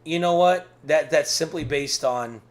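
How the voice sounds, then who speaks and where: A man's voice: a little high, unhurried. A man in his thirties co-hosting a podcast in casual banter, rambling emphatically, repeating himself and swearing freely. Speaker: podcast co-host.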